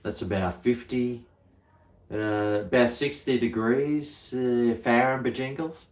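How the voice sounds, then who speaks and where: A livestream host, a middle-aged man with an Australian accent, speaks slowly at medium pitch with fairly even intonation. He chats in a casual, laid-back, blokey way with lots of slang, in an echoey, roomy-sounding space.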